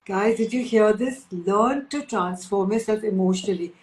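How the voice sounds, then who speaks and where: A woman's voice: mid-range voice, moderate pace, darkish tone. An Indian-accented woman speaking enthusiastically in a spiritual talk, repeating key phrases for emphasis. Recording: echoey room.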